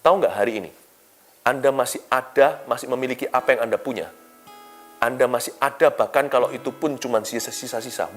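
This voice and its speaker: A man preaching a devotional sermon as a pastor, animated, moving between loud emphatic lines and quiet, soft asides, with English phrases mixed in. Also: medium pitch. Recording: soft guitar music behind.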